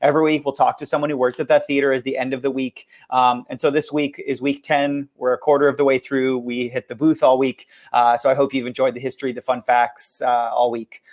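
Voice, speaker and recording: A man's voice: medium pitch, flat delivery. Upbeat male live-stream host. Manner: quick, upbeat, lots of fillers. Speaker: host of a virtual theater tour series. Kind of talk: casual live-stream interview.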